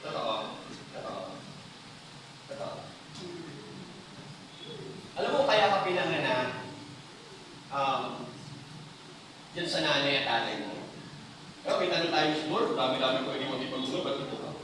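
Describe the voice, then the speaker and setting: A man's voice: medium pitch, lively intonation, measured pace, long pauses. A male preacher giving a passionate sermon, mixing Tagalog and English and often calling for the congregation to answer back. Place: church hall. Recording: echoey room from a distance, faint noise.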